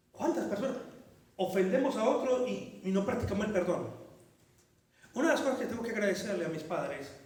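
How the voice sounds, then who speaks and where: A pastor preaches in an animated way, moving from loud declarations to quiet storytelling. His voice sits very high for a man. It rings through a big, very echoey church sanctuary. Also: recorded from a distance, a little hiss or hum. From Colombia. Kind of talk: sermon.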